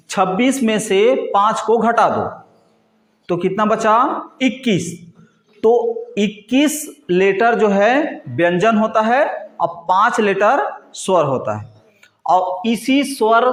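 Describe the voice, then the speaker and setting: A man teaching a class slowly at a board, asking questions and answering them himself, with frequent checks that the class is following. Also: high-pitched, reverberant. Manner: frequent "ठीक है" and "है नी" check-ins.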